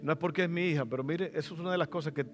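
A middle-aged man preaching a sermon as pastor in a church, fervent and rising to loud exclamations. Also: on the high side, rapid-fire, soft background music. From Latin America.

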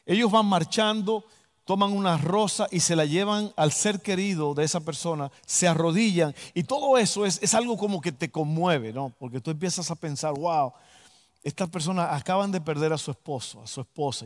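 High-voiced man telling a story in a hall. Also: normal speed. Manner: animated storyteller, acts out voices and exclamations. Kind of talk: storytelling sermon. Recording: long hall reverb.

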